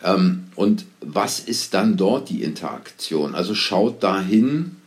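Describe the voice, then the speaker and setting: Deep-voiced man guiding a visualization. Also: slow pace. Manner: steady stream of probing questions. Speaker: coach guiding dental practice teams. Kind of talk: guided visualization exercise.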